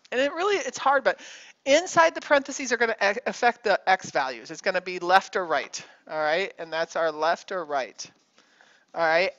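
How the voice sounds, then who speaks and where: A woman teaching a recorded math lesson in a casual, chatty way, with fillers and quick self-corrections as she thinks aloud. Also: on the low side, fairly bright tone, lo-fi sound.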